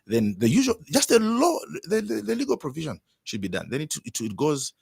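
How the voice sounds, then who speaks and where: Zambian man, political interview guest, fairly high voice, dry close sound, emphatic, repetitive. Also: wildly swooping pitch, fairly quick, gravelly, darkish tone, breathy edge, dry recording. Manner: emphatic, repeats words and phrases.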